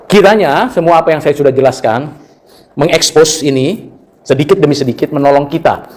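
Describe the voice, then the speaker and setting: His pitch is fairly high and his delivery a little fast. This middle-aged Indonesian man, a preacher and university lecturer, is giving a sermon, animatedly relating personal stories and playing the parts of the people in them.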